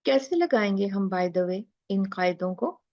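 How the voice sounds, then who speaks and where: A woman's voice: mid-range voice, animated, unhurried, mellow, dull audio. A woman teacher explaining recitation rules in a class, asking questions and drawing out letter sounds. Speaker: tajweed teacher.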